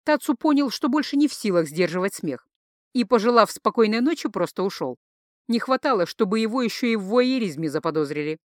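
A woman reading an urban fantasy audiobook in an expressive, lively manner. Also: mid-range voice, a little fast, no echo, studio quality. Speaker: audiobook narrator. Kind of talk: scripted narration.

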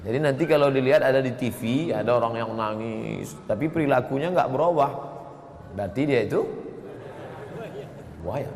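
A man giving a lively sermon, telling stories and breaking into chanted phrases. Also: mid-range voice, normal speed, long pauses. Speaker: preacher. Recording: echoey hall with faint ambience.

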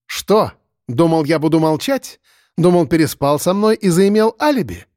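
A man's voice: a little high, sing-song, moderate pace, a little mellow, no room sound, studio quality, voice pushed up. A man reading an audiobook, voicing a young woman who shrieks her accusations in hatred. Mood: furious. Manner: screeching, accusing.

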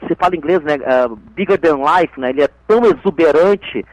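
A man's voice: on the high side, a little fast, muffled recording. A man from Piauí with a gaúcho accent, interviewing a guest on the radio with many hesitant restarts. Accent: gaúcho Brazilian Portuguese. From Piauí, Brazil. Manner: hesitant, full of restarts and fillers.

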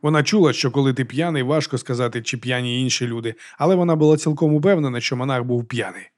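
Man reading an audiobook, calm and steady. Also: medium pitch, quick pace. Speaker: audiobook narrator. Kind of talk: scripted narration.

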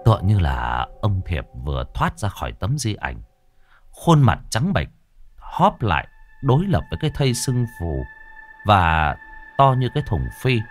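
Man telling a ghost story, lively low voice. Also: measured pace. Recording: faint music behind the voice.

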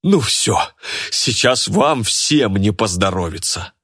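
A man's voice: on the low side, lively intonation, slow, fairly bright tone, breathy edge, dry recording, studio quality, heavily acted. A man voicing a jealous, burly young woman who bellows and bosses everyone around. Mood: boastful. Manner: bellowing and bossy.

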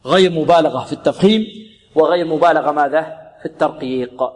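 Man teaching Quran recitation, echoing hall. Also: on the high side. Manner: patient, drills sounds slowly, asks and answers his own questions. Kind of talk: tajweed lesson with recited examples.

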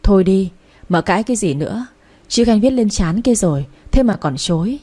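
A woman's voice: medium pitch, expressive, moderate pace, warm tone, slightly rough. Woman reading a coaxing young husband. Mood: defensive. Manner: coaxing, insistent. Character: young husband, pleading and teasing his wife.

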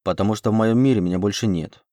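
A man reading an audiobook, voicing a proud, sharp-tongued young woman who answers with biting retorts. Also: fairly low pitch, quick pace, no echo, clean studio sound, natural voice. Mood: guarded.

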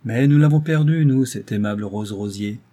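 A man voicing a smooth, flattering gentleman in an audiobook, sly and tender. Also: lowish voice, moderate pace, lightly acted.

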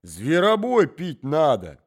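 Guy doing a doddery old husband, coughs a lot, sing-songy and loud. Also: a little high, wildly swooping pitch, slow pace, pitched above the performer's own voice, heavily acted. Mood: doddering chatter. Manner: rambling, wheezy, coughs often.

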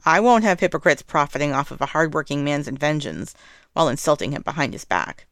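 Woman voices blunt older barkeep, storybook, low voice, dry close sound. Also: lively intonation, a little fast, no room sound. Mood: scolding. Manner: blunt, stubborn and firm. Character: stubborn, blunt older woman tavern keeper. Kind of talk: audiobook narration of fan fiction.

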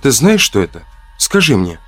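Give me a stern young healer woman, as a male narrator puts her on, raised pitch. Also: big pitch swings, normal speed, fairly bright tone, faint music behind. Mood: firm. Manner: firm, demanding.

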